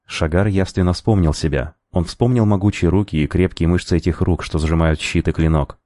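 A man reading a fantasy story aloud in a measured, even narration. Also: low voice, no room sound, studio quality. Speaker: audiobook narrator.

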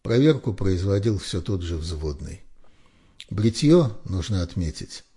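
Low, husky male audiobook narrator. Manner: steady, measured storytelling. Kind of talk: scripted narration.

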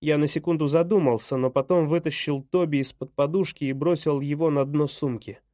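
Man reading an audiobook, fairly high. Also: fairly even intonation, brisk, a little mellow, dry recording, clean studio sound. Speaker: audiobook narrator. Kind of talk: first-person audiobook reading.

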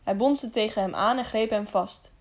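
A woman narrating an adventure audiobook in a steady storytelling voice. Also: fairly high pitch, moderate pace. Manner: even storytelling with small slips and restarts. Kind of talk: scripted narration.

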